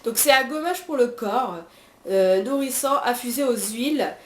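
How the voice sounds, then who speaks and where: A woman's voice: fairly high pitch, lively intonation, normal speed. Chatty French woman in an echoey room. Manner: chatty, many fillers and restarts. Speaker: beauty vlogger. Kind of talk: casual product review. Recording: roomy echo, faint background hiss.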